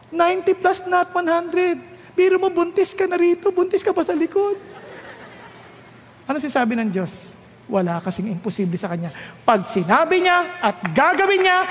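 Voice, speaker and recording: Filipino pastor preaching in an echoing hall. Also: male voice. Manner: quizzes the congregation, reads scripture slowly and low, rises loud when urging. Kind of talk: sermon. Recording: long echo of a large hall.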